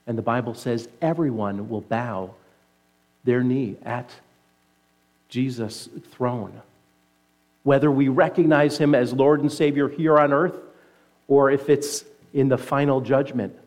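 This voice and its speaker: A man preaching a sermon, retelling scripture as vivid story and letting his voice sink low and soft to stress key points. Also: steady tone, unhurried. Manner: earnest preaching that drops low and soft for emphasis. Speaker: pastor.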